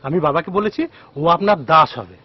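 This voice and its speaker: A man's voice: fairly high pitch, fairly quick, close to an everyday voice. A man playing an anxious, pleading village devotee. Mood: eager. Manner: pleading and eager, calling "baba" often. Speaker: village devotee, expectant father. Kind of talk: devotional film acting. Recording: dull lo-fi film soundtrack with faint noise.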